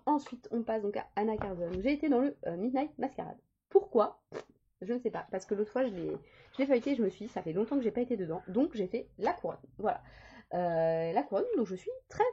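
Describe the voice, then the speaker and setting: A woman's voice: medium pitch, gravelly, mellow, slightly rough. A woman in her thirties chatting casually as a coloring vlogger, rambling with many fillers and restarts. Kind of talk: casual chat. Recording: dull lo-fi sound.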